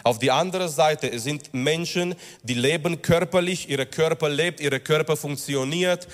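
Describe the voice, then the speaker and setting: A male pastor preaching a sermon with emphatic stresses, slowing down on key words and building up in pitch and loudness. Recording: long reverb of a large hall.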